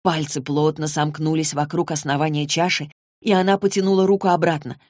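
A woman narrating a novel in an even, measured reading. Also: low-pitched, no echo, studio quality. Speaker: audiobook narrator. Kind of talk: scripted narration.

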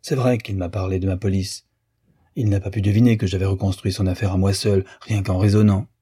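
A man's voice: low voice, flat delivery, brisk, dark tone, slightly rough, no echo, clean studio sound. A man voicing a stern, wrathful older male lawyer who hammers out his indignant words. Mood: brooding.

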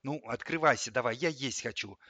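A man's voice: medium pitch, brisk, pushed and bright, no room sound. A man voicing a cheeky, cranky young schoolboy in an audio story, snapping back at everyone.

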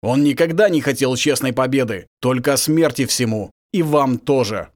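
A man voicing a grave, steadfast male werewolf warrior who speaks firmly and loudly. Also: mid-range voice, moderate pace, dry recording, clean studio sound, natural voice. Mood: fierce. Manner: firm, raised voice.

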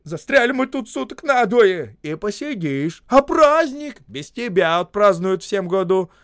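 A man voicing a loud, gruff older male work foreman who scolds and bellows orders. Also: on the high side, slow pace, dry recording, studio quality, voice pushed up. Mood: shouting.

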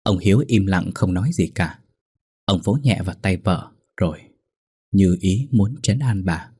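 A man narrating a ghost story in a steady, suspenseful way. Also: low-pitched, measured pace, breathy edge, dry recording, clean studio sound.

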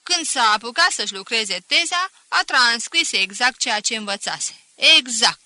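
A woman's voice: a little high, lively intonation, pushed and bright, no echo. A woman voicing a scornful, mocking older male schoolteacher who talks with sarcastic chuckles in an audiobook. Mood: sneering.

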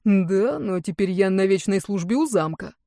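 A woman's voice: mid-range voice, animated, moderate pace, dark tone, no room sound, clean studio sound, close to an everyday voice. A woman reading a storybook, voicing a cheeky young male cat familiar with a lazy, teasing drawl. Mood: serious.

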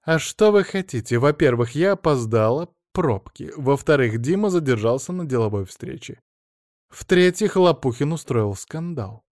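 A man's voice: mid-range voice, expressive, normal speed, a little mellow, dry recording, clean studio sound, voice pushed up, close to an everyday voice. A man reading an audiobook, voicing a cold, curt middle-aged woman with a scornful manner.

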